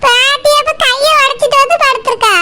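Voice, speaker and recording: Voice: very high-pitched, fairly even intonation, brisk, bright, forceful tone, full character voice. A performer voicing an older village aunt who lectures her nephew, in a Tirunelveli accent. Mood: scolding. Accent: Tirunelveli Tamil. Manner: scolding, lecturing.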